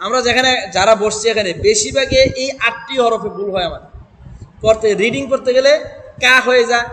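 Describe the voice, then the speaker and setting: In a noisy classroom, a man with a Bangladeshi Bengali accent teaches Quran reading, patiently quizzing students with questions and chanting examples slowly. His voice is very high and a bit bright.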